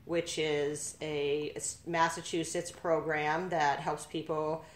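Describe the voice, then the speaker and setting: A woman's voice: sits low, little pitch movement, takes it slowly, a little hiss or hum. A woman hosting a podcast, talking casually and explaining things on behalf of her daughter. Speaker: podcast host and mother. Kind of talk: casual interview chat. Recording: echoey room.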